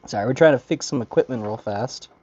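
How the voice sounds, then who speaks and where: A man's voice: medium pitch, fast talker, darkish tone, breathy edge, dry recording, lo-fi sound. Man muttering casually through a helmet. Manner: rambling, half-muttered asides. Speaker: livestreamer. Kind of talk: casual livestream chat. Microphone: talking from inside a costume helmet.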